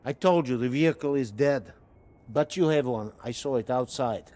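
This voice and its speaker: A man's voice: medium pitch, dark tone, natural voice. Man playing a blunt Soviet agent. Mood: grave. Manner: clipped, halting English. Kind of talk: video game voice acting. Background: game music.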